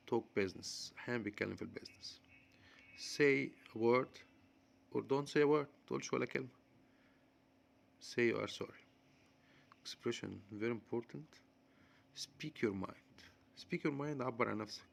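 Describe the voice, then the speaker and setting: An Egyptian man with an Egyptian accent teaches English words. He says each term slowly, then explains it quickly in Arabic. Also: fairly low pitch, creaky. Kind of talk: vocabulary lesson mixing English and Arabic.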